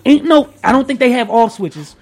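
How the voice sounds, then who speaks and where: A man co-hosting a casual sports podcast, emphatic and slangy, building up to loud points. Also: very high-pitched, expressive, moderate pace. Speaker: podcast co-host.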